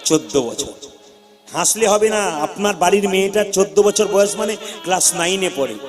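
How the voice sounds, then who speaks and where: A man with a high voice preaches an animated devotional sermon to a crowd gathered outdoors by the water. He speaks straight to his listeners, calls for answers and slips into sung chants. Clear music plays steadily under his voice. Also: a little fast. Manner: animated, speaks straight to the audience and demands replies.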